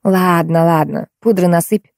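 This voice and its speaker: A woman's voice: lowish voice, moderate pace, gravelly, darkish tone, no room sound, studio quality. A woman reading an audiobook, voicing a capricious aging stage actress with an imperious, scolding manner. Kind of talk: audiobook character voice.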